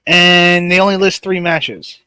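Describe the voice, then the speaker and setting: A man's voice: high-pitched, steady tone, measured pace, pushed and bright, clear, resonant tone, dry recording. A man co-hosting a wrestling podcast in casual chat, rattling off lists of names with lots of "uh" and "um". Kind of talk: casual chat on a live stream.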